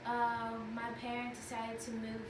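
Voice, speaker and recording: A young woman who grew up in Tanzania, answering interview questions in a soft-spoken, hesitant way. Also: a little high, monotone, measured pace. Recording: echoey room, distant mic, noisy.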